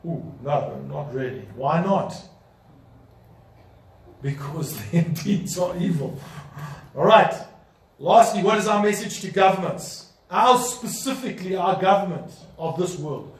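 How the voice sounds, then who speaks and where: A man's voice: high voice, animated, a little slow. A man preaching a sermon as pastor, driving his points home with emphatic rhetorical questions. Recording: echoey room, voice from a distance.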